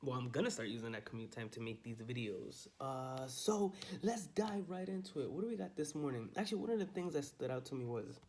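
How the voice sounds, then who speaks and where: A man's voice: medium pitch, sing-song, brisk, hardly any pauses, darkish tone, a little hiss or hum. A young man, a realtor, talking casually and upbeat in a morning vlog from his study at home, filming handheld. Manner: chatty, loose and upbeat, lots of fillers. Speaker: realtor vlogger. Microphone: handheld phone camera.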